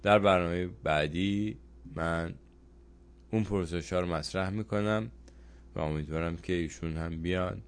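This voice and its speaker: A man with a very low voice speaks straight to his viewers in a political commentary monologue. He presses them with pointed rhetorical questions in an earnest, measured way, pausing between phrases. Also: clear, resonant tone. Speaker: host of a commentary program.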